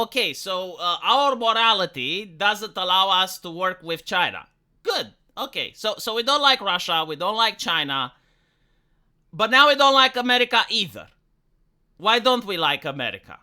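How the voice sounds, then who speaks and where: A man's voice: sits high, bright, forceful tone. A man from Eastern Europe with a Romanian accent and a blunt, ranting manner, swearing freely in an opinion commentary vlog. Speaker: political commentator.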